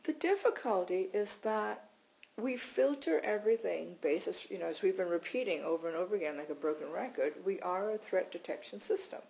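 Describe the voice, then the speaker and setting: A woman's voice: medium pitch, expressive, a little fast, gravelly, darkish tone, poor audio. A woman teaching in an informal, conversational way, often repeating words and adding "right?". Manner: conversational, repeats words and adds tag questions. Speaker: meditation teacher.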